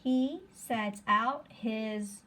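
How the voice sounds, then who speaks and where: A woman teacher reading a simple story aloud to young children, sounding out each word slowly and clearly. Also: on the high side, fairly bright tone. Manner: slow, deliberate, sounding out words.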